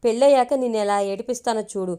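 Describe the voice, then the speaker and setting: A woman's voice: on the high side, quick pace, dark tone, clear, resonant tone, lightly acted. A woman reading as an earnest young man in love. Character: young man in love, jealous then relieved.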